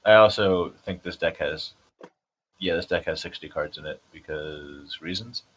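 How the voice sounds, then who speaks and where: A man with a New England accent, laid-back and dryly joking while he plays a card game. His voice sits very deep and low. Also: measured pace, a bit bright, a little hiss or hum, low-quality recording. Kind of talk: casual chat while playing a card game.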